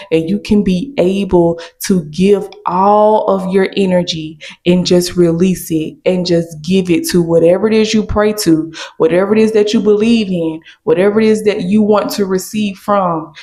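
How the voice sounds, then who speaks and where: Low-voiced woman podcast host preaching. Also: dark tone. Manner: emphatic, repetitive affirmations; calls the listener love and baby. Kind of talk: motivational monologue.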